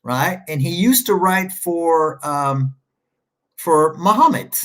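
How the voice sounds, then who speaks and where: A man with a fairly high, slightly bright voice offers animated but slow-paced livestream commentary as an online commentator. He rambles sarcastically and scornfully, halting often to search his screen.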